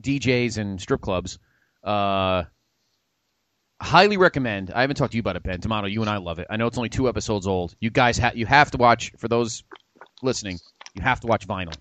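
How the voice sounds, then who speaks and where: A man hosts a casual podcast chat, his voice swinging up and down with lively energy. He sounds enthusiastic as he plugs comics and shows. The sound is dry and close. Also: on the low side, a little fast, no echo. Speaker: podcast host.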